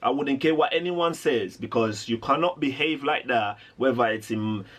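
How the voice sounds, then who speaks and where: A man's voice: mid-range voice, husky. A man hosting a reaction video, giving indignant, rambling commentary with lots of restarts.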